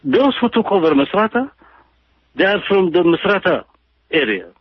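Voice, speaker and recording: Male political commentator, fairly high and husky, halting and emphatic with many restarts, dry lo-fi radio sound. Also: big pitch swings, dry recording.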